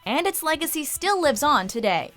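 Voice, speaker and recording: A woman's voice: high-pitched, very animated, normal speed, a bit bright, soft background music. A woman reading scripted narration as the narrator of a countdown video.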